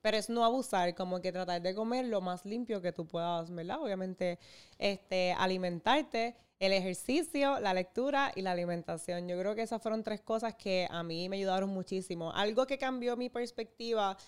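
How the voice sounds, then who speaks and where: A woman in her thirties with a Puerto Rican accent speaks in a relaxed interview. Her voice is smooth and clear at a middle pitch. She tells her stories expressively and laughs easily. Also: moderate pace. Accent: Puerto Rican Spanish. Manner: expressive, laughs easily, talks through her own experiences. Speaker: guest. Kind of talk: casual interview chat.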